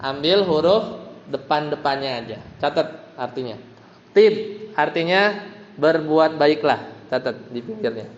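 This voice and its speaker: A fairly high-voiced man with an Indonesian accent leads a tajwid lesson, slowly and patiently breaking down each letter rule and chanting verse lines. The sound is dull and roomy, like a lecture hall with a long echo. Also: lively intonation. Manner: patient, explains each letter and rule step by step, sings verses for the class to repeat. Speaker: Quran recitation teacher.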